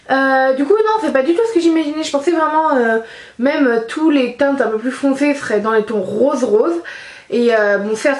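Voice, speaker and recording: Woman, casual beauty review, fairly high voice, lots of fillers, echoey room. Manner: chatty, lots of hesitations. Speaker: beauty vlogger.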